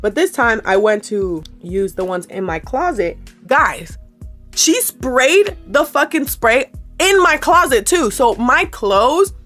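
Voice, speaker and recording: A woman in her twenties talking to camera in a casual storytime chat, animated and swearing, often laughing and quoting people in voices. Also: a little high, slow, soft background music. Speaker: vlogger.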